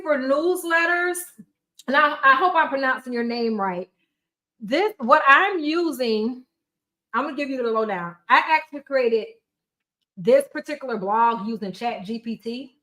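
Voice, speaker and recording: A woman's voice: a little high, sharp tone. A woman hosting a casual screen-share tutorial livestream, chatting off the cuff to her viewers while eating. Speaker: livestream host demonstrating software.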